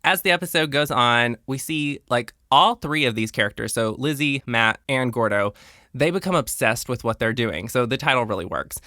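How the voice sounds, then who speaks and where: Man, young adult, podcast host, chatty animated recap, bright tone, dry close sound. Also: medium pitch, moderate pace, dry recording. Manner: chatty, animated retelling with playful quoted lines.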